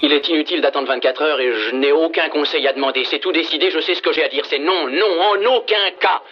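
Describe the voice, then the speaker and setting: A man, played by an actor, turning something down flat, firm and insistent, his words coming fast and fairly high. The sound is dull and muffled, like an old clip played back. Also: natural voice. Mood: defiant.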